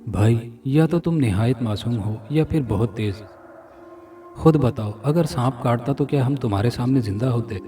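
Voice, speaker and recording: A man voicing a frightened young male captive of cannibals, telling his ordeal fearfully, heard from a distance over loud music. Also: medium pitch, moderate pace, natural voice. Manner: fearful, pleading storytelling.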